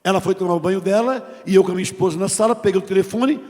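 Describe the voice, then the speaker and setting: A middle-aged man with a Brazilian Portuguese accent preaches a testimony sermon, his voice sitting high for a man. He tells his story with drama, sinking to near whispers and then rising to loud cries. A long church reverb trails every phrase. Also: very fast. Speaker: pastor. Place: church sanctuary.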